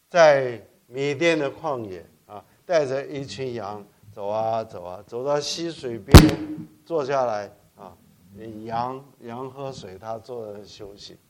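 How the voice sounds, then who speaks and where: An older man, raised in Korea, preaches an animated sermon in a somewhat high voice. He tells stories, keeps correcting himself mid-sentence and mixes English words into his talk. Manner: animated storytelling with frequent self-corrections and code-switching to English. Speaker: pastor.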